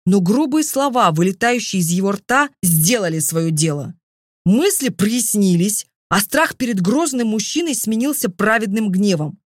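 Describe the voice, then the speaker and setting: Expressive woman audiobook narrator. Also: mid-range voice, normal speed, no echo, studio quality. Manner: expressive, dramatic reading. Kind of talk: first-person audiobook narration.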